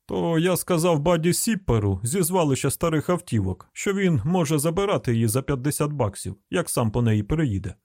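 A man's voice: a little high, sing-song, a little fast, hardly any pauses, dry recording, studio quality, pitched above the performer's own voice. A man doing a grumbling old Arkansas man. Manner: loud, grumbling, folksy rambling. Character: gruff older rural man with grandchildren, grumbling.

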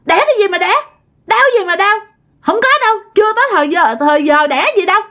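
Woman doing a gruff, stubborn old grandmother. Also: very high voice, quick pace, a bit bright, voice pushed up. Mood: dismissive.

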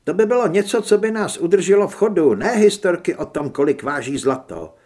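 Guy doing a higher, husky, pushy young newspaper woman in an audiobook. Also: lively intonation, a little mellow. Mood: insistent. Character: young woman newspaper editor, sharp and practical.

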